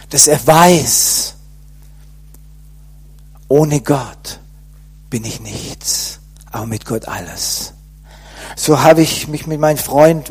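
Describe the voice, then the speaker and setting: A man giving an earnest personal conversion testimony, sinking to a soft, low voice at grave moments. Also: husky.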